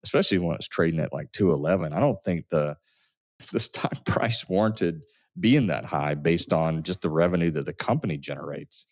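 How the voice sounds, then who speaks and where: A man's voice: sits low, moderate pace, no echo, studio quality. A man, a financial advisor co-hosting a radio talk show, chatting loosely with fillers and restarts.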